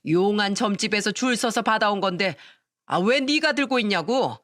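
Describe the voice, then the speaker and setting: A woman's voice: mid-range voice, lively intonation, moderate pace, a bit bright, no room sound, studio quality, natural voice. A woman voicing an elderly, superstitious mother-in-law who nags and wails in a storytelling radio drama. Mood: scolding, wailing. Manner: nagging, wailing complaints. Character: elderly shaman-obsessed mother-in-law, shrill and scolding.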